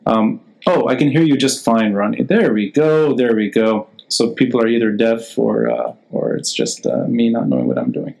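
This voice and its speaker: A podcast host conducts an unscripted live interview over a video call, speaking informally and hesitantly as he thinks out loud. His medium-pitched, steady voice is creaky and darkish, moving at normal speed with hardly any pauses, and the audio quality is poor.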